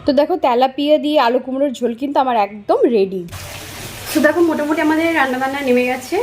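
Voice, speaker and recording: Fast-talking woman vlogging her chores. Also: high-pitched, a little mellow, slight background noise, poor audio. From Bengal. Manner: chatty, explains chores to viewers. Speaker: vlogger and homemaker. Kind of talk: casual vlog narration. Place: home kitchen.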